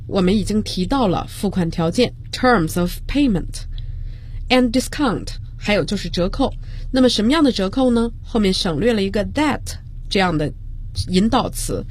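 Female radio English teacher, slightly husky tone, patient and methodical, spells words aloud. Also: on the high side, a little mellow. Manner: explains slowly, spells words letter by letter. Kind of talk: radio language lesson. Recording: broadcast studio.

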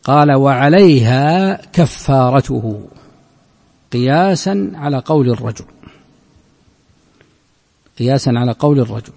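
A man giving a classical Islamic law lesson, explaining a text slowly and repeating his points. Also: medium pitch, animated, creaky, a little mellow, in a large hall. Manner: slow, measured explanation with frequent repetition of points. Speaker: religious scholar teaching a text.

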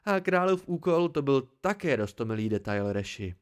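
A man voicing a cheerful young male fae servant with a bright, playful way of speaking. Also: mid-range voice, very animated, clean tone, close to an everyday voice. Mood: pleased.

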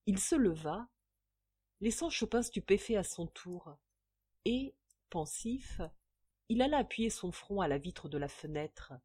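A woman's voice: mid-range voice, animated, unhurried, long pauses, dark tone, husky. Woman reading a classic novel aloud. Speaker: audiobook reader. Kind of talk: scripted narration.

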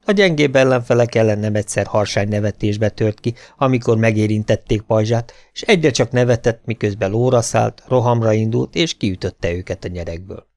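A man with a low voice reads a fantasy audiobook in a steady, measured storytelling manner. The recording is close and dry, with no room echo. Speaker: audiobook reader.

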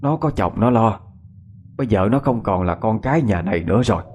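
A man voicing a stern, sharp-tongued older countryside mother, brusque and scolding. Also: lowish voice, lively intonation, a little fast, a little hiss or hum, natural voice. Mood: dismissive.

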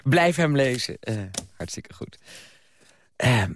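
A man's voice: mid-range voice, lively intonation, slow pace, slight background noise. A man hosting a radio programme, presenting casually and hesitantly with many fillers. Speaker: radio host.

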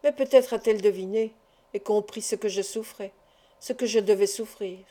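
A woman's voice: mid-range voice, steady tone, moderate pace, dark tone, natural voice. A woman voicing an earnest, emotional young man who pleads with an older friend, in a read-aloud novel. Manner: emotional, imploring.

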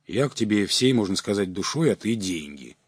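Brief: wheedling old hustler read by a man, husky, lively pitch, rustic. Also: moderate pace, dry recording, clean studio sound. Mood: stern. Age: older. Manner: wheedling, sighing, rustic folksy talk. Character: sly older male market hustler, sighing, wheedling. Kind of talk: audiobook character voice.

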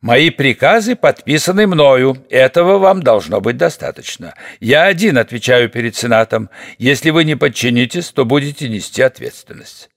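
A man's voice: mid-range voice, animated, moderate pace, gravelly, few pauses, no echo, studio quality. A man voicing a harsh, domineering conspirator general who gives curt, peremptory orders in an audiobook. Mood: commanding.

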